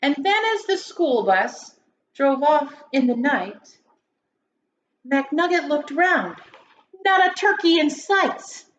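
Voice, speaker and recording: With a high-sitting, expressive voice, a woman reads a children's story slowly in the theatrical, emphatic manner of a grade school teacher. The recording is echoey and dull, carrying faint noise.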